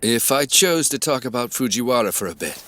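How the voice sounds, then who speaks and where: An actor playing a composed, reflective male race analyst in an anime dub, speaking in a measured, thoughtful manner. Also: medium pitch, animated, a bit bright, no room sound, close to an everyday voice. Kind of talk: anime dub broadcast commentary.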